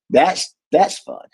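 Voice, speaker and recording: A podcast co-host sums up a movie in casual review chat, rambling with lots of fillers and restarts and laughing often. His voice is high-pitched, a bit mellow, and slightly rough.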